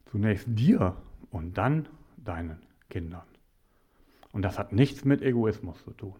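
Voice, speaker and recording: A man who works as a mediator and coach gives a motivational talk to the viewer. He speaks deliberately and drops to whispers for emphasis. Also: lowish voice, animated, warm tone, husky.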